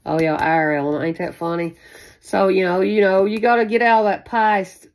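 Speaking at a normal speed with a steady, mid-range tone, this tarot reader from a spiritual channel improvises a casual reading. Her delivery is folksy, repetitive and wandering, with the odd swear word, and she's seated at a card table in a small indoor room.

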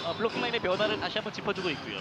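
A man's voice: high voice, expressive, very fast. A man calling live volleyball as a play-by-play commentator on a broadcast. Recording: broadcast with loud crowd and music. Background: crowd and music.

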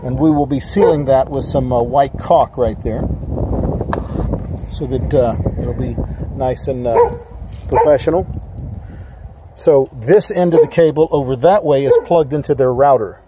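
A man's voice: mid-range voice, very noisy. Man walking through a casual tech how-to. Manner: plain explanatory, with frequent "uh" pauses. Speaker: tech installer demonstrating a setup. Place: outdoors on a rural property and inside a barn office. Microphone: handheld phone camera, filming while walking.

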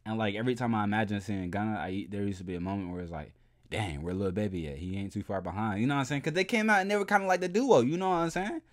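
Talking very fast in a fairly low voice, a young man rambles through his reaction to a music performance. He is a chatty reaction video host who keeps dropping "you know what I'm saying," filmed in an indoor room with a webcam overlay on the video.

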